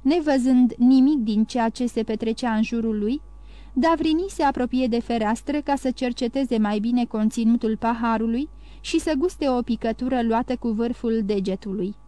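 A woman narrating a classic novel as an audiobook, reading in a measured, even way. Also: on the high side, no echo. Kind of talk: scripted narration.

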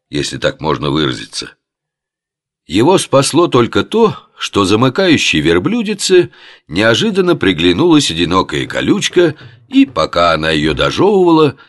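A man reading a comic adventure novel aloud as scripted narration, in a lively, ironic storytelling manner. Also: low voice, no room sound, studio quality. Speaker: audiobook narrator.

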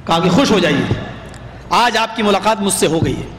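A man's voice: high-pitched, expressive, background noise. A man preaching a sermon, telling a story with dramatic rises in his voice for quoted speech, before a seated gathering.

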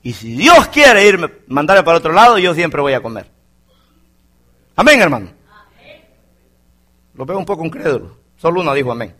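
Man, pastor, fervent sermon, bright voice, very lively pitch. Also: moderate pace, long pauses. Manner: fervent preaching, keeps addressing the congregation as brother. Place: church congregation.

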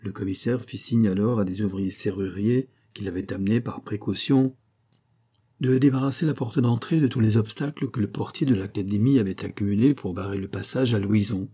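A man reading a classic adventure novel aloud in measured, even scripted narration. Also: fairly low pitch, breathy edge. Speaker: audiobook reader.

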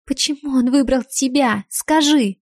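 Woman doing a shrill, jealous young sister. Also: measured pace, breathy edge, no room sound, studio quality. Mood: furious.

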